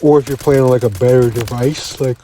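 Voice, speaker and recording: A man's voice: medium pitch, steady tone, fairly quick, warm tone, slight background noise. A man giving casual gaming commentary, ranting bluntly and repeating himself, a bit tired, with faint game sounds behind him.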